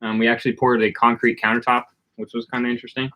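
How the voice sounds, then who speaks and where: A man's voice: medium pitch, little pitch movement, very fast, bright, forceful tone. A man co-hosting a casual livestream, rambling and greeting viewers in the chat by name. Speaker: livestream co-host.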